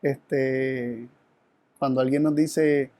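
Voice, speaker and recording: A man's voice: mid-range voice, steady tone, extremely slow, darkish tone, no echo. A man presenting a Bible study, teaching in an earnest, reflective way and asking rhetorical questions. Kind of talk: teaching sermon.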